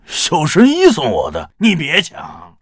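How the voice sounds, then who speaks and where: A bragging old patriarch, husky, slow and swingy voice, dry. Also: male voice, fairly high pitch, wildly swooping pitch, a bit bright, dry recording, full character voice. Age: older. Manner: bragging, teasing. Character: boastful old patriarch, rich and competitive.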